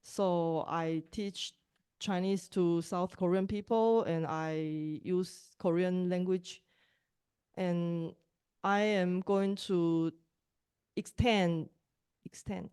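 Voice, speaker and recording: With a fairly low, smooth, darkish voice, this language teacher and podcaster from Taiwan speaks English as a second language, her first being Mandarin, with a Taiwanese accent. Introducing herself in an online group video call, she hesitates, pausing and restarting.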